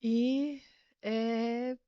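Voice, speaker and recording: A woman pastor telling her personal faith testimony as a guest, a lively storyteller who often ends phrases with a tag question. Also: fairly high pitch, drawn-out words, smooth, dry recording, highs cut off.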